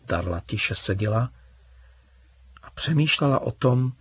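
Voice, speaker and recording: Male storyteller, measured and even, slightly husky, dry close recording. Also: mid-range voice, no echo. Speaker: narrator. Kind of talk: reading a children's story aloud.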